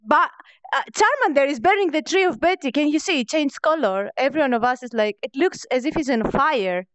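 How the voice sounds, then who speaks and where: A woman's voice: sits high, lively intonation, a little fast, a bit bright, no echo. A woman from Greece, hosting a live-streamed online event in casual chat, hesitant and repeating words. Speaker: event host. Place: online virtual world event, home mic.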